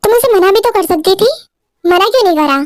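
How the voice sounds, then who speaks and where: A woman's voice: extremely high pitch, a little fast, no echo, clean studio sound. A woman voicing a cold, irritable young husband who talks in short, scolding lines. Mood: angry. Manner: curt, scolding.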